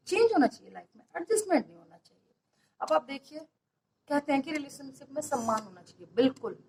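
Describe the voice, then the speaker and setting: A woman with a high, light voice speaks earnestly about marriage in a motivational talk. She keeps asking her listeners questions and circles back to the same points to drive them home. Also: rough recording.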